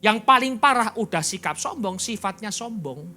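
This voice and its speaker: A man preaching a sermon as pastor in a church. He swings between loud and quiet and fires rhetorical questions at the congregation. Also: high voice, animated, normal speed, soft background music.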